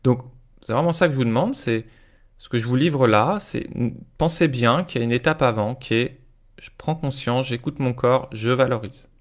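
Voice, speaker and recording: A man's voice: medium pitch, normal speed. Male life coach, casual live-stream talk, speaks straight to viewers and keeps asking if they follow. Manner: informal, addresses viewers directly, often checks in with "ok?".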